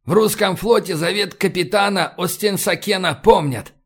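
A man voicing an elderly, proud male navy sergeant with a hoarse voice. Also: high voice, expressive, measured pace, a bit bright, pitched above the performer's own voice, heavily acted. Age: older.

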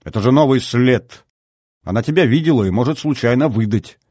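A man reading an audiobook, voicing a suspicious young woman who needles and scolds in quick remarks. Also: medium pitch, dark tone, no echo, studio quality, voice pushed up, close to an everyday voice. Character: sharp, jealous young woman, suspicious girlfriend. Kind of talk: audiobook character voice.

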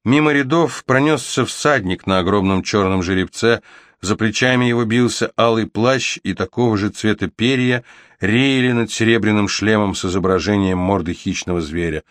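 A man narrating a fantasy novel as an audiobook, reading with steady, even storytelling. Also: fairly low pitch, normal speed, no room sound, studio quality.

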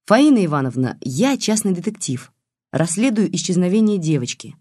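A reader voicing a private detective, a man trying to calm an angry old woman politely. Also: high voice, moderate pace, no echo, studio quality. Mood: placating. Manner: placating, polite.

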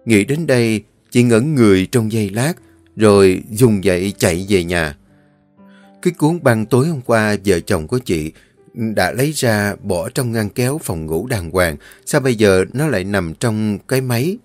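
A man narrating a dramatic audio story in a steady, earnest storytelling voice. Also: on the low side, moderate pace, no room sound. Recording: dry close voice, faint music.

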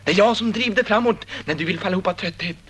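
A man's voice: high voice, a bit bright, slightly rough. An actor playing a relentless male inner voice, an insistent optimist, in a radio play. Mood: exultant. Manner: insistent, rising to ecstatic declarations.

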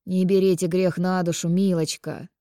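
Calm grave male doctor read by a female narrator, measured delivery, dry close sound. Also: on the low side, no room sound, lightly acted. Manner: measured, sorrowful. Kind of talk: audiobook character reading.

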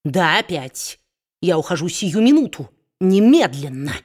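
Woman doing a sneering gruff dwarf man. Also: on the low side, big pitch swings, a little slow, a little mellow, heavily acted. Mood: gloating. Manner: sneering, gloating, growling. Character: spiteful mocking male dwarf, gruff and low.

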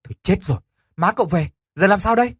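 A man doing a shrill scolding teenage girl. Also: expressive, fast, a bit bright, breathy edge, dry recording, clean studio sound, full character voice. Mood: panicked. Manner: squeals and scolds in outbursts. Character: shrill bossy teenage girl, quick to shout.

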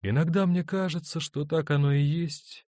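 A man's voice: on the high side, steady tone, moderate pace, darkish tone, no echo, studio quality, pitched above the performer's own voice, natural voice. A man reading an audiobook, voicing an adult woman torn between two men who speaks in an earnest, pleading way.

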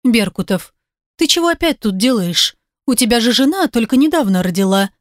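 A woman voicing a brisk, bossy woman doctor at a maternity ward, sharp and matter-of-fact. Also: fairly high pitch, animated, dry recording, studio quality, close to an everyday voice. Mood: indignant.

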